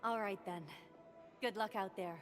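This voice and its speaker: A woman's voice: mid-range voice, fairly even intonation, a little slow, soft background music, close to an everyday voice. A woman voicing a grateful, caring base director in a video game, speaking earnestly and formally. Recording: long hall reverb.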